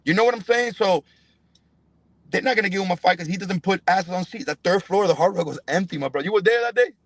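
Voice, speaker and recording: A young Cuban professional fighter, guesting on a podcast, talks fast in a high voice captured dry and close with no echo. His casual, profane slang is emphatic and packed with "bro" and "you know what I'm saying."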